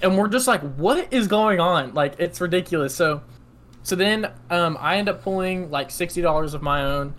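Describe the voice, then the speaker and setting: A man's voice: high voice, moderate pace, fairly bright tone. A nineteen-year-old man, telling a long casual story on a podcast, rambling and filling every gap with "like". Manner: rambling, heavy use of "like", laughs often. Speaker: podcast co-host.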